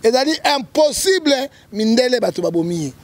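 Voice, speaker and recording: Speaking with a Congolese accent, this prophet guest gives forceful political views in an interview, keeps asking his listener "hein?" and cites scripture. He talks briskly in a very high, sing-song voice.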